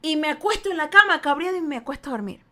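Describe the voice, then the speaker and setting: A woman with a Guayaquil Ecuadorian Spanish accent hosts a storytelling podcast. Her voice sits high, and she tells the tale in an animated way, acting out her own shouts. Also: rapid-fire. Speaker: podcast host.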